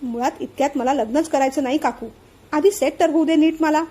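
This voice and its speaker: A woman's voice: sits high, brisk, dark tone, close to an everyday voice. A woman voicing an irritated young man who brushes off his family, in a curt, exasperated way.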